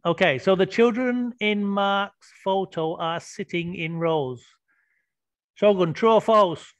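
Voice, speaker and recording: A man's voice: high voice, slow, no room sound, highs cut off. A man teaching an online English class, patiently prompting students with questions over a video call.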